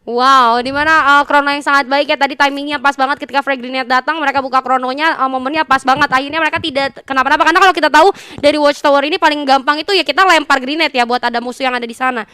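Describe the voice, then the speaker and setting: Casting: Indonesian female esports match announcer, very high voice, rapid delivery, chatty and slangy play-by-play. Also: fairly even intonation, bright, forceful tone, no room sound, clean studio sound. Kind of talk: game tournament commentary, announcer-like play-by-play.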